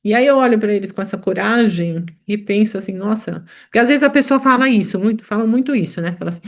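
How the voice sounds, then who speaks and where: A woman's voice: medium pitch, fast talker. A middle-aged woman reflectively sharing personal experiences in a study group over a video call, with many fillers and restarts.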